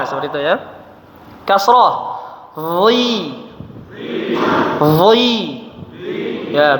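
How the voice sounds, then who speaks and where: In an echoey mosque hall with faint ambience and some background noise, a man with a high voice gives a tajwid lesson. He patiently drills the sounds of letters for Quran recitation, often closing his phrases with a short tag.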